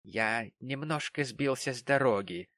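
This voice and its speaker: A man voicing a shy, modest young man who talks softly and hesitantly. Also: medium pitch, expressive, unhurried, dry recording. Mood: bashful. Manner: soft, hesitant.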